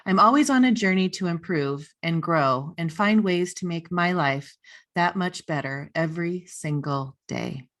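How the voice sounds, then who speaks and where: This podcast host, a woman in her forties, speaks in a fairly low, fairly bright voice at an unhurried pace. After a scripted promo, she chats casually with a guest over a video call from her living room, upbeat and gushing, leaning heavily on "you know," using earbuds and a boom-arm studio mic.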